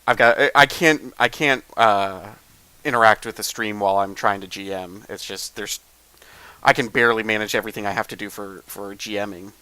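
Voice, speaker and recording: A man's voice: on the low side, a little fast, pushed and bright, clean tone. A man running a tabletop game, chatting casually with his players after the session, easygoing and self-deprecating with many fillers. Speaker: game master. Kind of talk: casual post-game chat.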